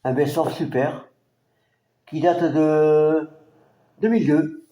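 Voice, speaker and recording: A man from France casually presenting his record collection, halting and hesitant, with many fillers. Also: fairly high pitch, steady tone, dark tone, echoey room. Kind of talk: casual collection show-and-tell.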